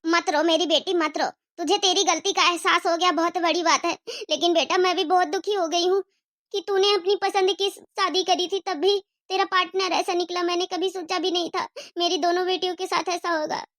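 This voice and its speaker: A woman's voice: very high-pitched, fairly even intonation, moderate pace, a bit bright, pitched above the performer's own voice. A woman voicing an aged mother who scolds her grown daughters for neglecting her, then comforts them. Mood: consoling. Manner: scolding, reproachful.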